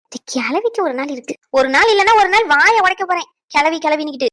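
A woman voicing a scolding elderly grandmother in a cartoon drama, talking sharply and quickly. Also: very high-pitched, animated, fairly bright tone. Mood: grumbling. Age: older.

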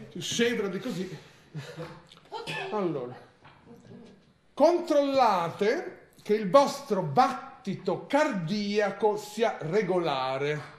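A man's voice: sits high, heavily acted. An actor on stage playing a vain, fussy, melodramatic man, theatrical and prissy, prone to sudden outbursts. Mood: solemn. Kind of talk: live stage monologue. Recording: echoey theatre with audience laughter. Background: audience laughing.

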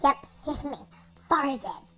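A woman's voice: high voice, expressive, a little slow, a bit bright, low-quality recording. A woman voicing a naive, sweet-natured young male dog who rambles earnestly and stammers over his words. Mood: chatty. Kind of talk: pet voice-over monologue.

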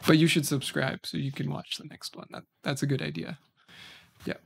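Young male vlogger, fairly high voice, relaxed gear walkthrough, faint music underneath. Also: brisk, creaky, breathy edge. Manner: relaxed, chatty, explains gear step by step. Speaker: YouTuber. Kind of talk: casual gear walkthrough vlog. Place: home room by a noisy computer. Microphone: studio microphone into computer.

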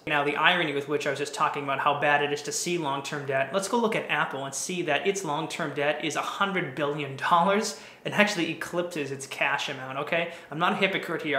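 A man's voice: fairly high pitch, pushed and bright, echoey room. A young man teaching investing to camera from a home office, emphatic and checking in with "okay?" often. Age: young adult. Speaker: finance educator. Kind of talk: direct-to-camera explainer.

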